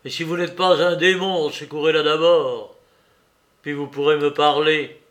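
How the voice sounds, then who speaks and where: A man voicing a passionate, defiant young man who speaks urgently and loudly, in an audiobook reading. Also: a little high, steady tone, unhurried. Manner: urgent, forceful, loud.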